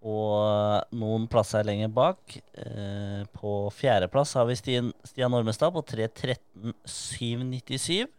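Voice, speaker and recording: A man's voice: lowish voice, steady tone, hardly any pauses, smooth, dry recording. A man on a podcast, reading out race results in a matter-of-fact way. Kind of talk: casual podcast chat.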